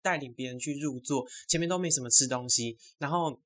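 Woman, low voice, casual solo podcast storytelling, animated. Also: a little fast. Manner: animated, gossipy, bursts into loud exclamations. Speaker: podcast host.

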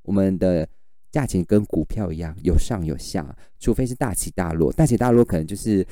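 A man's voice: deep voice, brisk, no echo, studio quality. A man, a livestream seller telling stories in casual chat and acting out his customers. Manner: animated storyteller, acts out customers.

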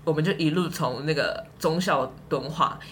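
A woman's voice: low voice, moderate pace, slight background noise. A woman with a Taiwanese Mandarin accent, a podcast guest telling a story in casual chat with lots of laughter. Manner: animated storyteller, laughs often.

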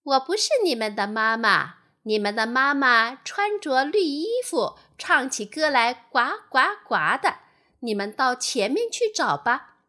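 Lady doing a big friendly goose, loud and lively. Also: sits high, unhurried, full character voice.

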